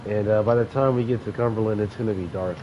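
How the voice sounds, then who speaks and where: A young man with allergies keeps sniffling while he casually commentates a train sim game, rambling loosely with lots of fillers and self-corrections. His voice sits on the low side, with a steady tone and a fast delivery. The dull lo-fi mic picks up clear background noise.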